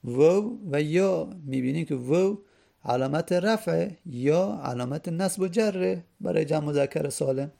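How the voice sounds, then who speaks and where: A man teaching an Arabic grammar lesson in Persian, reading each rule aloud and then explaining it slowly with repeated examples. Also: on the high side, gravelly, dark tone.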